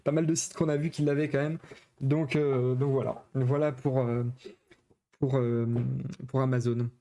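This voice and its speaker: A man's voice: medium pitch, level tone, a little slow, warm tone. A man from France casually commenting on his screen as a web developer, thinking aloud with many hesitations.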